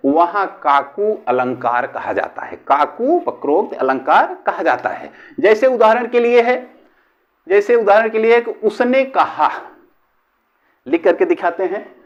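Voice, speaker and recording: A man's voice: high voice, muffled recording. A man teaching a Hindi grammar lesson, repeating and drawing out each example phrase word by word. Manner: slow, repetitive, drawing out example sentences word by word. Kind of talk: classroom-style lesson explaining a figure of speech.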